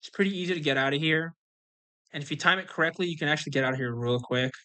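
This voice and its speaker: Gamer doing a chill walkthrough, mid pitched voice, calls out each move as they play. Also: very fast, sharp tone. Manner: instructional, talks through each move as it happens. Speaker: gameplay streamer giving a walkthrough. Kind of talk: casual live game commentary.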